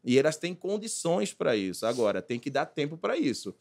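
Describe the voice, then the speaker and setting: A man, a consultant talking as a podcast guest, animated and acting out little dialogues. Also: a little high, fairly quick, creaky. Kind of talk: casual podcast conversation.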